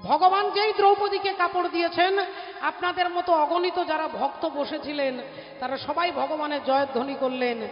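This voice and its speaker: A woman's voice: high voice, steady tone, moderate pace. A woman kirtan singer who sings verses and tells devotional stories fervently, speaking to the mothers in her audience. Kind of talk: devotional kirtan with sung verse and spoken storytelling. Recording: dull, echoey hall with music and tabla. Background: music with tabla.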